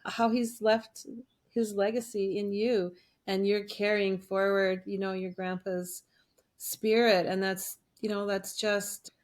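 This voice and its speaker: A woman's voice: mid-range voice, flat delivery, slow pace. A woman co-hosting a casual interview, speaking in an effusive, sentimental way. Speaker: podcast co-host.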